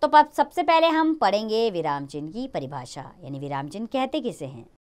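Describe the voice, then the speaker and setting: Lively, smooth-voiced woman teaching children. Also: medium pitch. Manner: lively, slows down to read example sentences. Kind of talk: children's grammar lesson.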